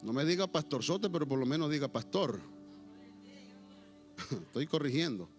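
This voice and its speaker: A man preaching a Pentecostal sermon to a church congregation, swinging between shouted declarations and low, quiet asides, with a playful teasing streak. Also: animated, normal speed, soft background music. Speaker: pastor.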